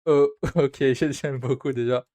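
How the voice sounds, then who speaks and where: A man's voice: medium pitch, steady tone, a little slow, mellow. A man streaming a video game, talking casually and hesitantly as he plays. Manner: chatty, hesitant, many filler sounds. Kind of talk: casual gameplay commentary.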